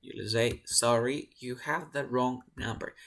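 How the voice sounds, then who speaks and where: Guy teaching english online, drills phrases super slow, quizzes students. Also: medium pitch, fairly even intonation, fairly bright tone. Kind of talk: online English lesson for Spanish speakers.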